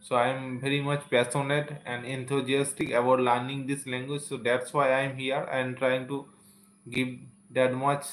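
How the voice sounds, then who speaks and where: In an echoey room with slight hiss or hum, a man with an Indian accent, whose first language is Santali, gives an earnest live-stream talk to English learners as their teacher. His medium-pitched voice is flat and a bit bright at normal speed, and he often repeats phrases and says "okay".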